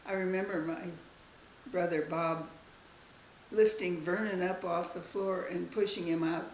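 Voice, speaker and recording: A woman in her nineties, interviewed as a grandmother, recalling her childhood in a slow, halting way. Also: fairly low pitch, fairly even intonation, a little mellow, reverberant, slight background noise, low-quality recording. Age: 90s. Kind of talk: casual family interview.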